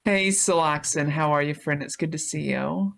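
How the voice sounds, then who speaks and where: A Twitch streamer chats casually with her audience live, reading messages, thanking people and swearing without restraint. Her low voice carries vocal fry and a fairly bright tone at a normal pace.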